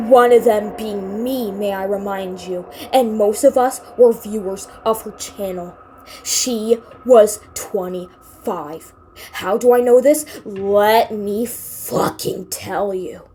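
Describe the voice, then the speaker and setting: A woman's voice: medium pitch, takes it slowly, warm tone, a little hiss or hum. A woman narrating a scripted first-person horror story in a dramatic storytelling manner. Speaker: creepypasta narrator.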